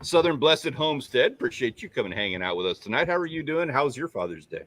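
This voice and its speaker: A man's voice: mid-range voice, very animated, fast talker, a bit bright, no echo. A man co-hosting a casual fishing livestream, rambling and self-deprecating as he greets viewers by name. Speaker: livestream co-host. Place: home on Padre Island.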